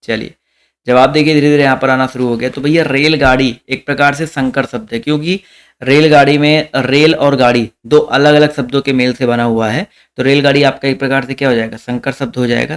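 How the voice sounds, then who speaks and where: A young man leads a live online exam-prep lesson with a smooth, resonant voice. He reads out each question, repeats it, and calls out the answer to his viewers. His pitch sits at an ordinary middle height.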